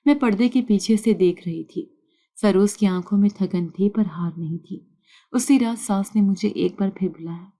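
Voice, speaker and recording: Calm woman reading a story aloud. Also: medium pitch. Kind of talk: scripted first-person narration.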